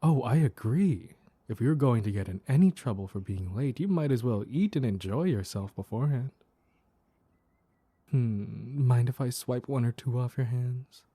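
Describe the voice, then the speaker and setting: A man voicing a mischievous, flirtatious mad cat in an intimate roleplay audio, teasing with coy pet names in a soft, husky purr. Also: medium pitch, lively intonation, moderate pace, no room sound. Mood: playful, musing.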